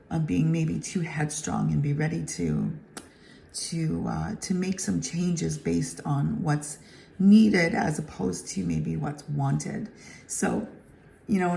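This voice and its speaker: Female tarot host, hoarse and grating, heavily croaky, slightly muted tone, casually explaining to viewers. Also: lowish voice, warm tone, slight background noise. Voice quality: grating, croaky voice that breaks into breathiness. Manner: conversational, explanatory. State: hoarse from laryngitis. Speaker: tarot reader hosting a weekly reading. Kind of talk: casual scripted-feeling tarot reading to viewers.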